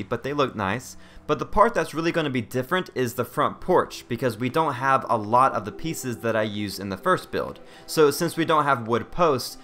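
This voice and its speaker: A man with a mid-pitched voice narrates a game tutorial. He is casual, conversational and a little self-deprecating, with music playing softly behind him. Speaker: video host.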